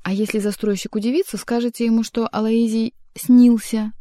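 A woman voicing a sly, fussy male demonic henchman who talks briskly and mockingly, pitched higher than her reading voice. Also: little pitch movement, warm tone, no room sound, clean studio sound, lightly acted.

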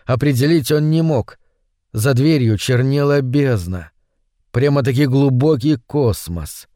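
A man narrating a scripted horror story in a measured, suspenseful way. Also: mid-range voice, warm tone, no room sound, studio quality.

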